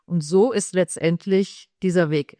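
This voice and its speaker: A middle-aged woman from Cologne, a guest on a podcast, calmly telling her life story. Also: fairly low pitch, measured pace, no echo, studio quality. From Germany, Cologne. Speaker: guest, yoga teacher and shop owner. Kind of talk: podcast interview, personal story.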